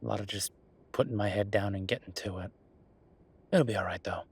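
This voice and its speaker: Husky and lowish, a man's voice carries an intimate boyfriend roleplay in which he plays an easygoing, affectionate werewolf bureaucrat. He talks casually and haltingly, coming across as weary but reassuring.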